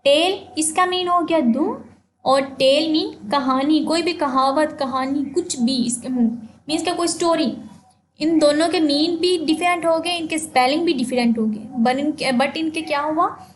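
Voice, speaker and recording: A woman teacher giving a class lesson, explaining slowly, asking the class questions and spelling words letter by letter. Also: sits high, a little hiss or hum.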